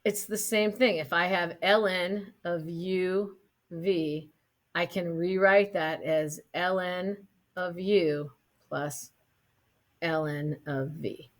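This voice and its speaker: A woman's voice: fairly low pitch, steady tone, slow. A woman teaching a math class in a casual lecture, often checking in with her students and adding light jokes. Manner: casual, keeps checking in with "right?"; light joking asides to students.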